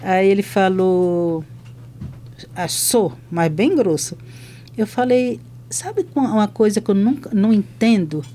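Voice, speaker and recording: Older woman, chaplain; warm, mellow voice; lively storyteller who acts out the dialogue. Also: mid-range voice, measured pace, slight background noise. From Brazil. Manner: lively retelling that acts out both sides of conversations. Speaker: hospital chaplain. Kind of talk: podcast testimony storytelling.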